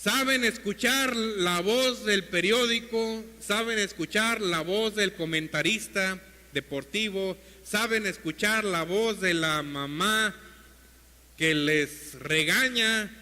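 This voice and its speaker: A male pastor preaching an earnest sermon to his congregation, calling them brothers, and rising in pitch and force as he exhorts them. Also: in a large hall. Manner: builds to a louder, higher pitch when exhorting.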